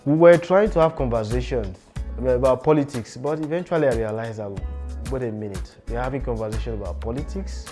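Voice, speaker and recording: A talkative man with a Nigerian accent, teasing and joking in easy conversation. His pitch swings widely as he talks, and music plays clearly behind him. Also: lively intonation, brisk, dark tone. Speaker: partner in a long-distance couple. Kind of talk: casual chat.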